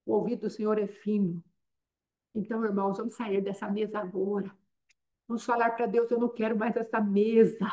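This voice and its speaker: A middle-aged woman with a Brazilian Portuguese accent, preaching a sermon with fervent, repetitive phrasing that swings between loud emphasis and hushed intensity. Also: medium pitch, level tone, fairly quick.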